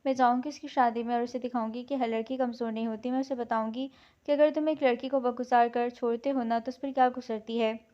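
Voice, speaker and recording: A distraught young woman, pleading and devoted, with a high voice, as a woman narrator plays her. The sound is a bit dull and lo-fi, like a home-made audio novel. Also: fairly even intonation, fairly quick, warm tone, lightly acted.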